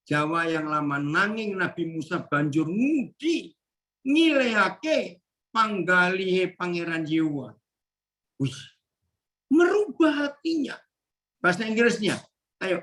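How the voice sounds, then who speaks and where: A male pastor preaching to a prayer group, reading verses aloud, directing helpers to the slides, and jumping up in pitch for emphasis. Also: animated, a little slow, bright, forceful tone, poor audio. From Indonesia. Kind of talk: sermon.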